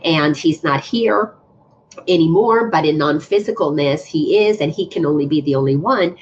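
An earnest woman speaks in long, flowing runs, leaning into each point as a guest teacher in a relaxed conversation. Her voice sits a little low for a woman. The audio comes through a video call and sounds muffled and lo-fi, with a faint hiss behind it. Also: normal speed. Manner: earnest, flowing, emphatic about spiritual ideas. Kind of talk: casual spiritual conversation.

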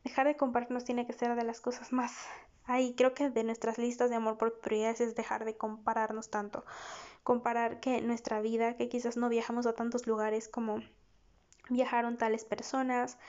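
Young woman doing a self-help podcast, higher voice, kinda muffled lo-fi sound. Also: a little mellow. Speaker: podcast host and therapist.

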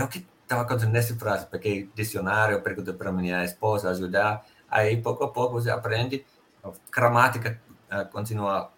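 This is a middle-aged man from Finland, a sales director guesting on a casual interview chat, telling stories in Portuguese with a Finnish accent. His voice sits at medium pitch, with a little hiss or hum in the recording. He narrates in a relaxed way while choosing his second-language wording with care.

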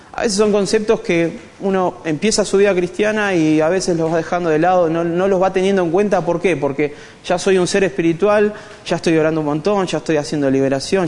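Male Bible study teacher, Rioplatense accent, higher voice, animated and joking, long hall reverb. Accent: Rioplatense Spanish. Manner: animated, joking, addresses the audience directly. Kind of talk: conversational church teaching.

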